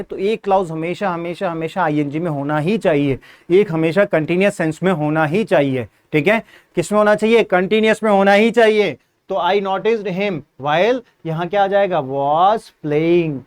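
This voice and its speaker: A man's voice: high-pitched, clear, resonant tone. A male teacher, giving an exam-prep English grammar lesson, repeating points, quizzing students and spelling words out letter by letter.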